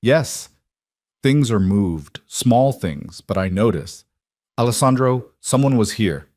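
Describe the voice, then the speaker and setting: A man's voice: fairly low pitch, expressive, slow pace, darkish tone, no room sound, clean studio sound. A man reading as a shaken young nurse. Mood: anxious.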